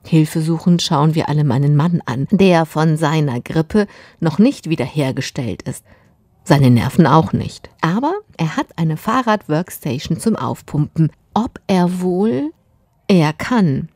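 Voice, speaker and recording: A woman's voice: low-pitched, darkish tone, no echo. A middle-aged woman, a mother, reading a scripted first-person family anecdote with wry, dry humor.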